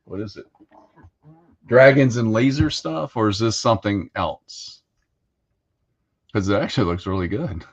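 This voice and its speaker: A man with a fairly low voice chats casually as co-host of a hobby show, rambling along with plenty of ums and uhs. The recording sounds a bit dull and lo-fi. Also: a little slow, pauses often. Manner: relaxed, rambling with frequent fillers. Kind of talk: casual hobby podcast chat.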